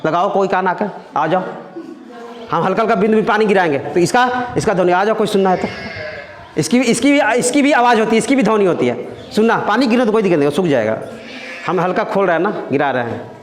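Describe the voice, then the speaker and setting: A man's voice: high-pitched, expressive, fast. A male teacher giving a classroom science lesson, talking conversationally with students, repeating himself and checking in with questions. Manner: conversational, repeats phrases and asks "है ना?" often. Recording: echoey classroom.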